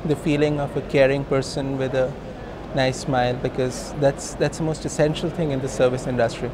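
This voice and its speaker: This entrepreneur, a man in his thirties with an Indian accent, is interviewed about his company at a busy hosting industry event full of traffic-like ambient noise. He speaks informally and emphatically at a fairly quick pace, his medium-pitched voice level in tone.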